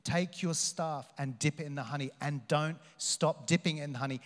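A man with a fairly high voice delivers a charismatic sermon as motivational speech. He exhorts the congregation emphatically, repeating phrases for weight. Long hall reverb trails his words. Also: fairly even intonation, normal speed. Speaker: preacher. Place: large reverberant room, speaking live to a congregation.

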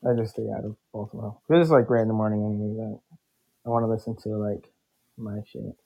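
A man's voice: fairly low pitch, fairly even intonation, quick pace, gravelly, lo-fi sound. Rambling casual young-sounding man. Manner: rambling, filler-heavy, uses "like" a lot. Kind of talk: casual chat.

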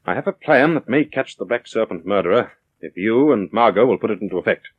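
An actor playing a composed, shrewd gentleman detective in a vintage radio drama, assured and formal. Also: on the low side, lively intonation, fast talker, phone-quality sound, slight background noise, close to an everyday voice. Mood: calculating. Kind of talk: 1940s radio acting.

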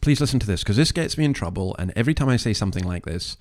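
A man's voice: fairly low pitch, lively intonation, racing, a little mellow. A man hosting an opinionated commentary, speaking in an earnest, emphatic, moralising way with rhetorical questions. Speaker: commentary podcast host.

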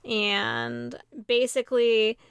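Smooth-voiced woman recapping a plot. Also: on the high side, fairly even intonation, very slow, fairly bright tone, no room sound, studio quality. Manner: recaps the plot in long run-on sentences. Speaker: book club podcast co-host. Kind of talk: casual book discussion.

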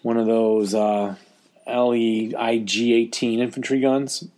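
A male podcast host talks casually through hobby details with a slight cold. His voice sits at a medium pitch. It is a homemade basement recording, echoey and short of studio quality. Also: little pitch movement, unhurried, darkish tone. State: has a cold. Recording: echoey basement, lower-quality home mic.

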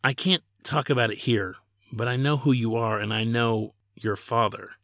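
A man's voice: medium pitch, steady tone, normal speed, a bit bright, dry recording, clean studio sound, natural voice. Man voicing a flustered, pleading young prince.

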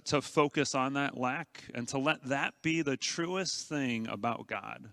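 Male pastor, conversational sermon, earnest, stammers and restarts, crisp forward tone. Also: medium pitch, sharp tone, no room sound, clean studio sound.

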